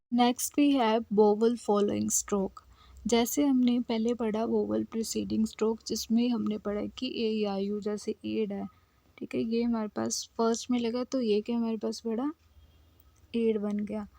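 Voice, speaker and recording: Slow, mellow-voiced woman teaching shorthand. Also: on the high side, creaky, no echo. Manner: patient, repeats "theek hai" often, drops to a near whisper while writing. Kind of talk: step-by-step lesson, mixing Hindi and English.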